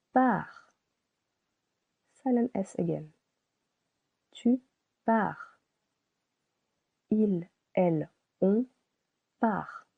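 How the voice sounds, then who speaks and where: A woman teaching a slow pronunciation lesson, spelling out letters and repeating each word. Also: medium pitch, vocal fry, warm tone, breathy edge. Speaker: French teacher. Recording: tinny phone-like sound.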